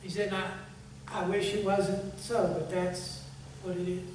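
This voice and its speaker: A man preaching a sermon as pastor, telling a story in a conversational way and closing in soft prayer. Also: high-pitched, level tone, measured pace. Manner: conversational storytelling, earnest appeal, fading to hushed prayer. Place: church sanctuary. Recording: echoey church hall, far from mic, faint hum.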